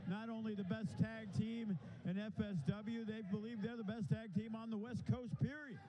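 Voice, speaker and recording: A man's voice: high-pitched, flat delivery, normal speed, background noise. A man giving conversational live commentary on a wrestling match, with music playing behind him.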